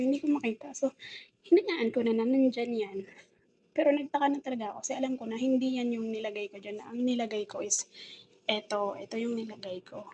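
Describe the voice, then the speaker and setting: A woman's voice: medium pitch, darkish tone, lo-fi sound, a little hiss or hum. A woman with a Filipino accent telling a rambling, aggrieved story in a casual vlog, mixing English words into her talk. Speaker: domestic helper vlogger.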